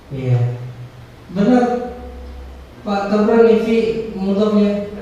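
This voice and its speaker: A man's voice: sits high, lively intonation, slow pace, warm tone, lo-fi sound. A man teaching Arabic grammar, quizzing students and repeating their answers. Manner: prompting, correcting and repeating answers. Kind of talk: classroom lesson, quizzing students. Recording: echoey hall, voice from far off.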